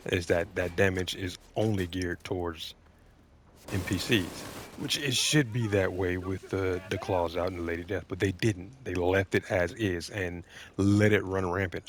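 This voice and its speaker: A man with a deep voice speaks off the cuff as a gaming creator. He is opinionated and blunt, a little defensive, stretching and breaking his phrases for emphasis. Light background noise with game gunfire sits behind his voice. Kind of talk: off-the-cuff video game commentary.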